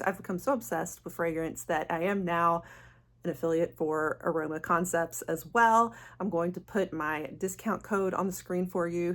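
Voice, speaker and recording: A woman's voice: lowish voice, fairly bright tone. A woman hosting a casual, chatty fragrance review vlog in a gushing, enthusiastic manner. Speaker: fragrance vlogger, channel host.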